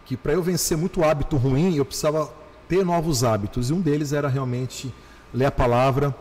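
Storytelling pastor in a reverberant room. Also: male voice, on the high side, breathy edge. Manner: animated storyteller, slows and repeats phrases for emphasis. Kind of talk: podcast testimony.

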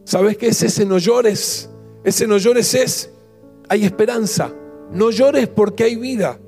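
A man with an Argentine accent preaching a sermon as pastor. He fires off rhetorical questions and drops to hushed repetitions. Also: sits high, takes it slowly, creaky, faint music behind.

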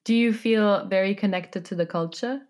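A woman's voice: medium pitch, normal speed, darkish tone. A young woman hosting a student podcast, asking upbeat, curious questions. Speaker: podcast host. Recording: guitar music behind. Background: guitar music.

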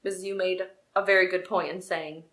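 On a casual podcast, a female co-host tells a story with real animation, acting out the voices of the people she quotes. Her voice is fairly low and her pace moderate, and the room she's recording in is echoey.

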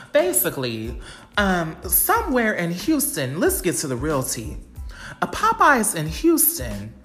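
A woman hosting her own podcast, chatting casually in a profane, animated, rambling way. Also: a bass voice. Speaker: podcast host. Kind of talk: casual chat. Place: Los Angeles.

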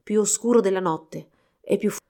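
A woman voicing a gentle, mournful young swan queen in a storybook reading, speaking softly. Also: medium pitch, normal speed, natural voice. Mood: sad soft. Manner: soft, mournful.

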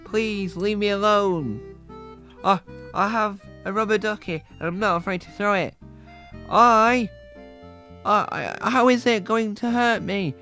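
Man playing a jumpy young man, panicky, stammering, highish voice, faint music in background. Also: a little slow, sharp tone, heavily acted. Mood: panicked.

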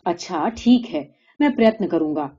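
A woman's voice: lowish voice, lively intonation, dark tone, slightly rough, voice pushed down. A woman voicing a weary middle-aged village father who grumbles reluctantly. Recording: dull lo-fi recording.

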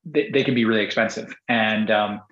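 A man who grew up in Singapore rambles as a podcast guest in a casual interview, with many restarts and fillers. His lowish voice is fairly quick, and the recording is muffled in an echoey room.

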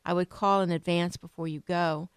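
A woman with a smooth, lowish voice gives interview answers as an attorney. She speaks haltingly and is recorded dry and close. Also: fairly even intonation, no echo. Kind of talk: spontaneous radio interview answers.

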